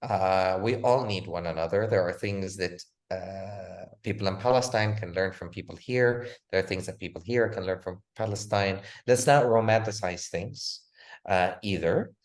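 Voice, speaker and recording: A deep-voiced man speaks at normal speed as a guest author being interviewed. His talk is passionate and rhetorically forceful, pressing each point with repeated uses of "again" and "right?"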